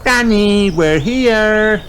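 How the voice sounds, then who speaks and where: Man putting on Peppa Pig, high-pitched cheerful little girl. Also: very slow, heavy background noise. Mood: excited, surprised. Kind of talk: children's storybook character voice.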